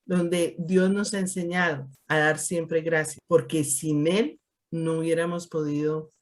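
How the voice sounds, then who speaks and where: A woman's voice: low-pitched, flat delivery, measured pace. A woman leading a Bible study in a conversational way, firing off rhetorical questions and acting out what people say. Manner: strings rhetorical questions and acts out quotes.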